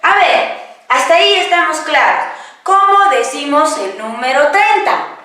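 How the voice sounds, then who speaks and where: A woman teaching Quechua numbers, patiently asking and answering her own questions and drawing the words out slowly. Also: sits high, expressive, sharp tone. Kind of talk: classroom-style language lesson, question and answer. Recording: echoey room, voice from a distance.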